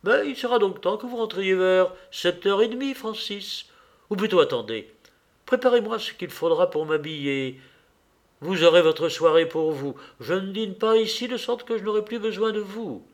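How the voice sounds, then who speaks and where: A man's voice: sits high, expressive, moderate pace, voice pushed up. A man reading aloud, voicing a charming, coldly commanding young man in an audiobook. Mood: breezy. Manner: pressing, then lightly casual with the servant.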